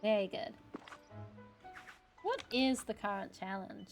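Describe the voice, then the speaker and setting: A woman's voice: medium pitch, slow, vocal fry. An Australian woman doing casual livestream commentary while she plays a game. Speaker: livestreamer, VTuber. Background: music.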